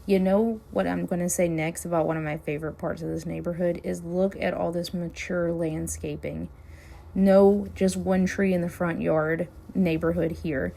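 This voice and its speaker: Driving along for her neighborhood tour channel, a woman realtor keeps up friendly, upbeat sales chatter even though her voice is going scratchy and hoarse. It sounds lowish, dark and gravelly, steady in tone and at normal speed, recorded inside the car.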